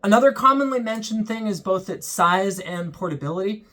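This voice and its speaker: His high-pitched voice sounds pushed and bright as a young channel host briskly and animatedly reviews a weather radio. The review is casual, earnest, and plain-spoken, dotted with ums.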